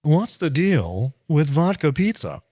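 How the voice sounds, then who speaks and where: A man hosting an interview, animated and playful, asking probing questions. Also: on the high side, slow, no echo, clean studio sound. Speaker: podcast host. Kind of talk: conversational interviewing.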